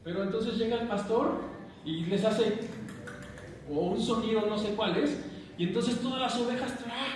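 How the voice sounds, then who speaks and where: A man preaching a sermon as pastor, animated and questioning the congregation. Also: fairly high pitch, a little hiss or hum. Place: church hall. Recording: echoey hall, picked up from a distance.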